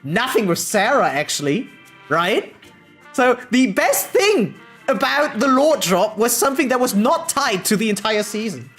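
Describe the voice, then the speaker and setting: With a fairly high pitch and an unhurried delivery, a woman streams games live while soft music sits faintly in the background. Her talk is casual, opinionated venting full of swearing, and she frequently checks in with viewers rhetorically.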